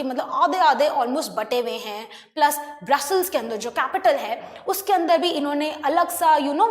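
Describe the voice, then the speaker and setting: A high-pitched female teacher with an Indian accent delivers an online lecture, mixing English and Hindi. She pauses often to check in with students and slows her speech to dictate key terms, all heard through a roomy, long-reverb echo.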